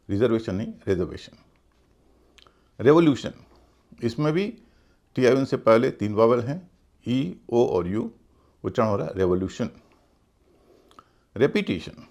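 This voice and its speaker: A man's voice: lowish voice, creaky, darkish tone. A man teaching English pronunciation in Hindi, patiently explaining rules, spelling words out letter by letter and repeating key points. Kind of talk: explanatory mini lesson.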